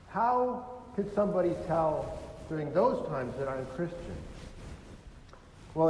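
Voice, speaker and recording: Deacon preaching in an echoey church. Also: male voice, fairly high pitch, a little mellow, a little hiss or hum. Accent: Californian. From California. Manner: conversational, asks rhetorical questions. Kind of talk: Sunday homily. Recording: echoey church with long reverb.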